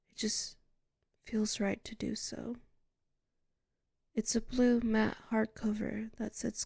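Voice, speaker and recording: Right up at the mic, a woman murmurs a sleep ASMR roleplay as a soothing librarian hypnotist. Her medium-pitched, exaggerated voice is a soft, breathy half-whisper, very slow and heavily creaky, hushed with lingering pauses, in a dry space without echo.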